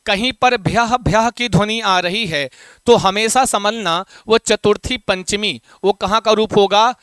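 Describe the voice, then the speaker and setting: A man's voice: sits high, pushed and bright, smooth, no room sound, studio quality. A man teaching Sanskrit grammar for an exam, repeating his own questions to students and chanting word forms in rhythm. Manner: repeats questions to students and calls them "beta". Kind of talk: exam-prep classroom lesson.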